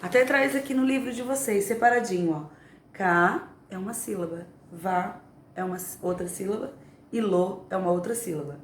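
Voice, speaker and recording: A woman teacher giving a remote lesson to young children, explaining slowly and patiently. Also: medium pitch, slight background noise. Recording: echoey room, faint ambience.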